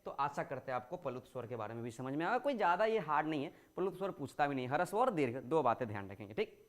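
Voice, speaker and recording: A man's voice: on the high side, very animated, fast talker. A male teacher giving a grammar lesson to school students. He explains patiently, poses questions and answers them himself, and draws out words to show vowel length.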